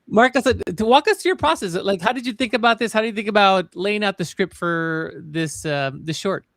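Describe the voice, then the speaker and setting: High pitched guy hosting, laid back, lots of likes and ums, dry close mic. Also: brisk, dry recording. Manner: relaxed, filler-heavy, laughing easily. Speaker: host. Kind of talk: casual livestream chat. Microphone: video call.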